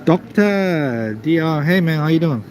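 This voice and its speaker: A man casually chatting to live stream viewers in a halting, repetitive way. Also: fairly high pitch, lively intonation, a little mellow. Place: busy airport waiting area. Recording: noisy airport background ambience.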